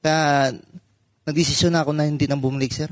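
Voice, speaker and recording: A man, a discharged marine, giving a halting personal account in an interview, with many restarts and sir after nearly every phrase. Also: on the high side, little pitch movement, dry recording.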